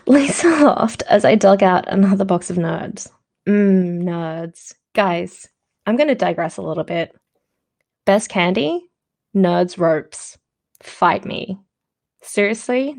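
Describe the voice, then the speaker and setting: A woman reads a novel aloud to her viewers, her voice carrying a steady crackle of vocal fry at an ordinary mid pitch. She keeps slipping into giggly, chatty asides and quick apologies between passages. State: slightly out of breath. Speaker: book reader on a livestream.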